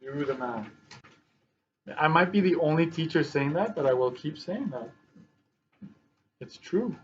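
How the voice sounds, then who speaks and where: A male math teacher talks his class through polygon problems, thinking aloud slowly as he works each step. He drops in dry, sarcastic asides in a somewhat high voice. The recording sounds dull and lo-fi, with a faint hiss behind him. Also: animated. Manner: thinking aloud, slow and halting while working problems.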